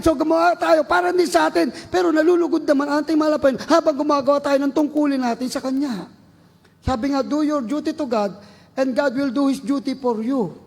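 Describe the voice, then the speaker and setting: A Filipino man preaching in a very high, gravelly voice that rings out in a long-echoing church hall. He exhorts his listeners and breaks into shouted praise. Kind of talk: sermon.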